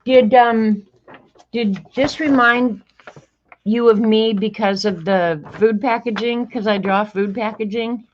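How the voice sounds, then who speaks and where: Opening mail on her livestream, a woman in her sixties speaks slowly in a slightly high, steady voice, musing aloud and laughing a lot. Her casual chat comes through somewhat muffled, lo-fi stream audio with a little background noise.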